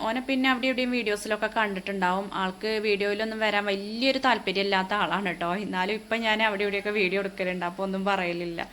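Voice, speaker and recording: A woman's voice: medium pitch, a bit bright, slight background noise. Keralan woman vlogger in her thirties, chatty phone narration, faint ambience in the background. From Kerala, India. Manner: chatty, tag-heavy storytelling. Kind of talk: casual narration. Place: airport, indoors.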